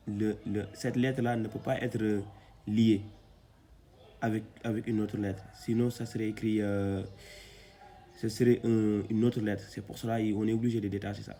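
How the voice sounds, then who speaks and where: A man teaching a reading lesson, slowly sounding out syllables and repeating them patiently. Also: fairly low pitch, dark tone, slight background noise.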